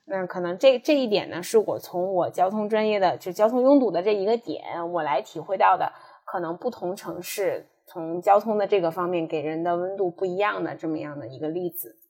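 A woman's voice: on the low side, a little fast, hardly any pauses, a little mellow, husky. A woman with a transport background, explaining her ideas in a casual panel chat, thinking aloud with many fillers and restarts. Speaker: podcast guest, transport specialist.

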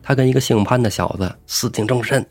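Brief: gossipy, quick-tempered mother, put on by a male narrator. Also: medium pitch, darkish tone, no room sound, close to an everyday voice. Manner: chatty, scolding.

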